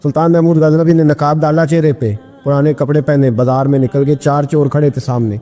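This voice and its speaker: Brief: Pakistani male preacher, high-set voice, dramatic storytelling sermon, long hall echo. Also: little pitch movement, dark tone. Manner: emphatic, voice climbs high at emotional peaks. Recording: long hall reverb with music behind.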